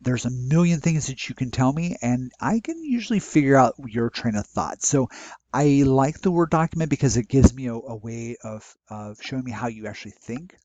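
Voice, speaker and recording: A man's voice: mid-range voice, animated, moderate pace, darkish tone, no room sound, muffled recording. Dry-voiced male nursing instructor. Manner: conversational, many fillers and restarts. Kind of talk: course orientation voiceover.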